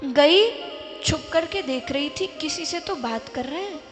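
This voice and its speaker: A woman devotional storyteller telling a religious story in an animated way, acting out voices, at a live event in a large hall. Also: sits high, unhurried, soft background music. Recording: echoey hall with long reverb.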